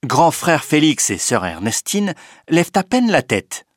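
A man reading a children's story aloud in an expressive, unhurried way. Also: a little high, no room sound, clean studio sound. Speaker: narrator.

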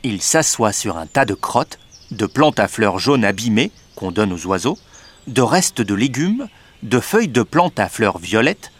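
A man reading a children's story aloud in an expressive, unhurried way. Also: medium pitch. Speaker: narrator.

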